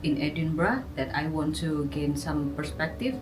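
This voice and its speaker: Lower-voiced Indonesian woman, halting. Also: lively intonation. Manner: halting, thoughtful, many fillers. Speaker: interviewee, graduate student. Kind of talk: casual interview. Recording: distant mic, faint background noise.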